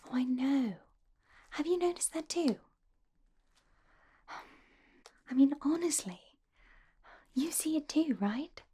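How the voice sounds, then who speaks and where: In a whispered, breathy ASMR roleplay, a woman plays a studious, caring teenage schoolgirl witch, speaking gently and helpfully with small hesitant pauses. Her voice is high-pitched and animated, and her mood is indignant.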